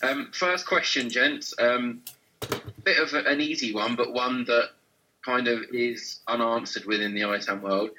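Bright-voiced man hosting a podcast. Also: mid-range voice, a little slow, a little hiss or hum, rough recording. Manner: relaxed, chatty, many ums. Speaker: podcast host. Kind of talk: casual podcast interview.

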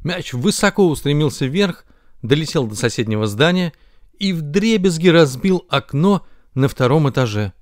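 A father reading a children's fairy tale aloud, lively and expressive. His voice is somewhat higher than most men's. The sound is close and dry, with no room echo. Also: moderate pace.

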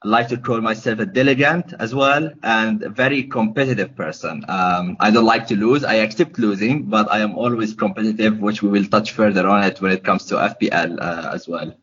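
A man's voice: lowish voice, fairly quick, hardly any pauses, fairly bright tone, breathy edge. A young man from Gaza, answering podcast questions hesitantly, with many ums and restarts. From Gaza, Palestine. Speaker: podcast guest. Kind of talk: casual interview answers. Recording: dull lo-fi podcast audio.

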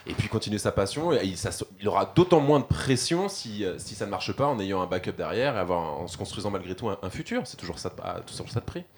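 A man giving his opinion on a radio panel, fast and hesitant, trailing off. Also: lowish voice, lively intonation. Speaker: panel columnist.

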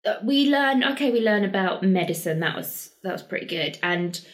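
A woman's voice: mid-range voice, expressive, normal speed. Young British woman in casual chat. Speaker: podcast co-host.

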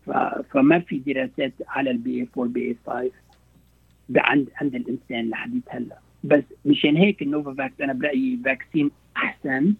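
Husky, fast-talking Lebanese man on a phone-like line. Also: medium pitch, fairly even intonation, no room sound. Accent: Lebanese Arabic. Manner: halting, repeats words, mixes in English terms. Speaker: doctor interviewed as guest. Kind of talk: radio interview, explaining. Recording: thin phone-like radio line.

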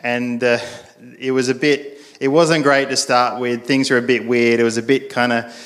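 A man's voice: mid-range voice, flat delivery, moderate pace, a bit bright. A male pastor, giving a sermon in a casual storytelling way, with frequent fillers and restarts.

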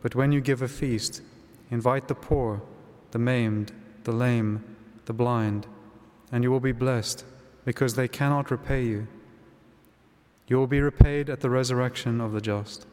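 Man, priest, calm measured preaching, mid-pitched voice, long cathedral echo trailing each phrase. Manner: calm and measured, with some restarts in the homily. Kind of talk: gospel reading and homily at Mass. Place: large church. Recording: long reverb of a large church.

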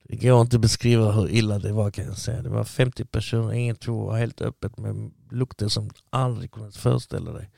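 A man's voice: on the low side, steady tone, gravelly, few pauses, dark tone, no room sound, clean studio sound. A man, the guest, telling a long story casually and acting out what people said to him.

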